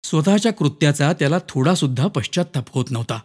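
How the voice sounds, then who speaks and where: Male storyteller, dramatic reading, fairly high voice. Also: lively intonation, fast, husky. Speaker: story reader. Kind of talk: scripted narration.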